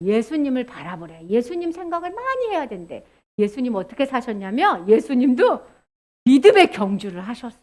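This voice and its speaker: A woman giving a children's sermon, animated and asking the children questions. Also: a little high, normal speed. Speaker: children's preacher.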